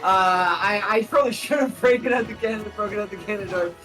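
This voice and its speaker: A young man commentating a fighting game tournament, excitable and breaking into loud shouts. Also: sits high, brisk, music in the background, poor audio. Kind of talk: esports play-by-play commentary.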